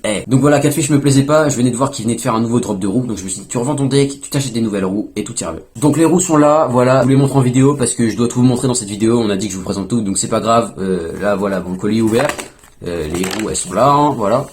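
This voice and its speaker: A young man casually telling a story to his vlog audience, chatty, with quick asides to himself. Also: mid-range voice, a little mellow, a little hiss or hum. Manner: fast, chatty, self-talk asides. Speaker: fingerboard YouTuber.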